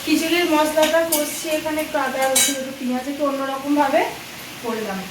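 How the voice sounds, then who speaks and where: Young indian mom vlogging from her kitchen, highish voice, chatty, sweet-talking her toddler. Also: fairly quick, background noise. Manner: chatty, addresses viewers as friends, coaxing baby talk with her toddler. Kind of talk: casual home vlog.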